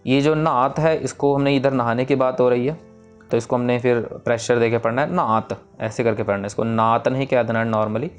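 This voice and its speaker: Man teaching slow, careful scripture recitation. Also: medium pitch, fairly even intonation, faint music behind. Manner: explains sound by sound, then recites lines slowly and drawn out. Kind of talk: pronunciation lesson with slow chanted recitation.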